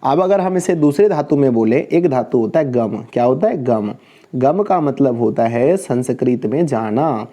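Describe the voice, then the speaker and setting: A man's voice: medium pitch, lively intonation, moderate pace, dark tone. A male Sanskrit teacher giving an online class lecture, reciting verb forms in rhythmic lists, quizzing his viewers and correcting his own slips as he goes.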